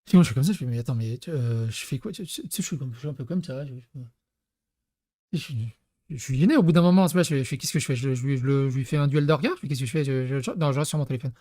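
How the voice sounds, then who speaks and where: Here a young YouTuber from Paris, France, chats fast in a mellow, mid-range voice, recorded dry with clean studio sound. He spins casual stories for the camera, rambling, restarting often, padding with fillers and laughing at himself.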